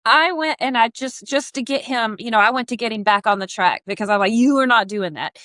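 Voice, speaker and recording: A woman with a bright, ringing voice pitched a little high tells a story in a loose, casual way. She acts out what other people said as she goes. The recording is dry and close, with no room echo. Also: steady tone, a little fast. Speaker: guest, harness business owner.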